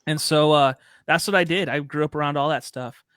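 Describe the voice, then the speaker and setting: Chatty man from Chicago, smooth voice. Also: fairly high pitch, a little fast, dry recording, studio quality. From Chicago, USA. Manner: chatty, storytelling, relaxed slang. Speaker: podcast guest. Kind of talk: casual podcast conversation.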